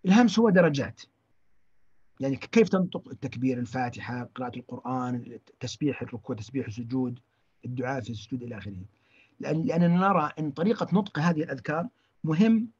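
A man giving a religious lesson, halting often and restarting his words. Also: medium pitch, a little mellow, slightly rough, lo-fi sound. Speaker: religious teacher.

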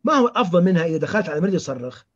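A man's voice: sits high, very animated, rapid-fire, a bit bright, breathy edge. A man giving an interactive lecture on counseling patients, quizzing students by name and acting out example dialogues. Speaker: trainer teaching patient counseling. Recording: muffled lo-fi recording.

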